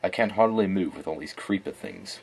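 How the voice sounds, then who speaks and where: A fretful plump schoolboy speaks in an English accent, read by a man in his own low voice. The voice is deep and husky, with a fussy edge. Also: normal speed, full character voice. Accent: put-on English.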